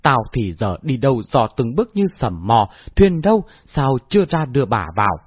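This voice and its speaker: A man voicing a fierce, bossy old female owl-queen who shouts abuse, in a husky voice on a dull, dry recording. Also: medium pitch, big pitch swings, normal speed, dry recording. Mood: angry shouting. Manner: shouting, abusive.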